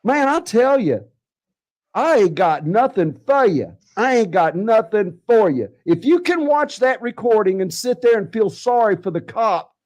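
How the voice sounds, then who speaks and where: A man in an angry, profane off-the-cuff rant, repeating himself and cursing at other channels. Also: extremely high pitch. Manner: furious, profane, repetitive. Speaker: livestreamer ranting at other channels.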